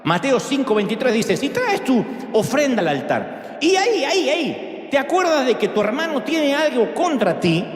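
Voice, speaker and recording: A man preaching a sermon to an audience in a large church, animated and joking, with big swings in pitch. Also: moderate pace. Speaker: pastor. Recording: echoey hall sound.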